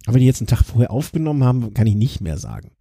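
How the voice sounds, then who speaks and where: A man hosting a podcast in casual conversation, with a husky, raspy voice. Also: mid-range voice, very animated, racing, warm tone, no room sound, studio quality. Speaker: podcast host.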